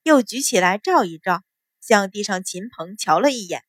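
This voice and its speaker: A woman narrating a novel in an expressive storytelling style. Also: medium pitch, normal speed, no room sound, studio quality. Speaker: audiobook narrator. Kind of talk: novel reading with character voices.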